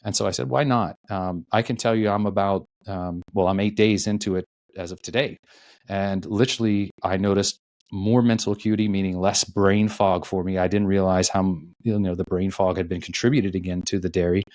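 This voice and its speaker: Low-voiced male podcast guest, dry sound. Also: little pitch movement, a little fast, darkish tone, no echo. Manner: earnest, explanatory, frequent "uh" fillers. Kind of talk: casual podcast conversation.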